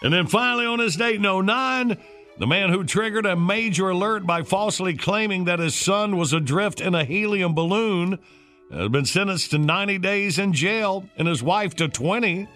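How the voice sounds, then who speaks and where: A man's voice: high-pitched, normal speed, sharp tone, faint music behind. A man hosting a morning radio show with upbeat banter, talking to callers in a folksy, familiar way.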